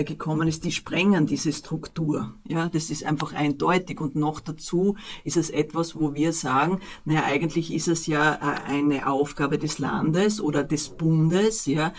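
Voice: medium pitch, fairly even intonation, normal speed, hardly any pauses. A city official with an Austrian accent answering interview questions, hesitating often with fillers.

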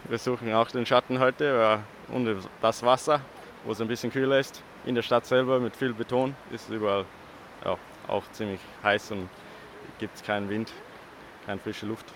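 A man from Western Australia answering a street interview by a river, relaxed and hesitant, with fillers. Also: medium pitch, normal speed, slight background noise. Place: outdoors by a river in a city.

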